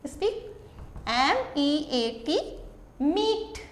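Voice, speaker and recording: Teacher, female, Indian accent, bright high voice, spells each word out for kids. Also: lively intonation, roomy sound. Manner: slow, sounds out words letter by letter. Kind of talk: online phonics class.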